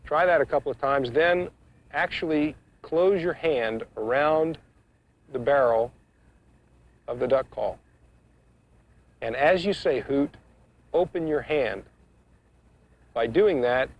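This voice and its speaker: A man with a creaky, gravelly voice teaches a practical skill. He explains things step by step in a measured, matter-of-fact way, as an instructor would in a demonstration. The sound is dull and a little lo-fi, like an older instructional video. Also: mid-range voice. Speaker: duck calling instructor.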